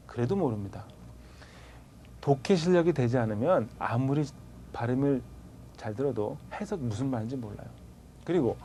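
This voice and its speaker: A man teaching a TOEIC grammar class, lively and conversational, firing rhetorical questions at his students. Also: on the high side, slight background noise. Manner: animated, rhetorical questions, colloquial asides. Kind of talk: classroom lecture.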